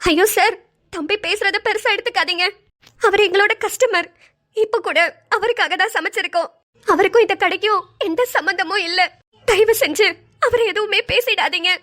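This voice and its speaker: A woman's voice: very high voice, normal speed. A woman doing a worried, pleading eatery owner. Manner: pleading, soft, tearful. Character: worried middle-aged woman running a small eatery. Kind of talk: cartoon voice acting.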